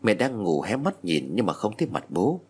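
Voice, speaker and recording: Husky male horror storyteller. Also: on the low side, big pitch swings, moderate pace, darkish tone.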